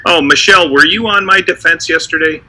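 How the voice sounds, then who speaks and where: Bright-voiced man with a Minnesota accent. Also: a little high, a little fast. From Minnesota, Red River Valley. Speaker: graduate student. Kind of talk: casual chat on a video call.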